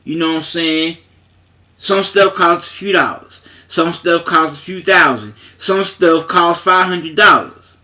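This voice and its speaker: A man's voice: fairly high pitch, measured pace, pushed and bright. A man speaking in a casual, emphatic monologue as a paralegal, repeating himself and using frequent fillers, with a way of talking.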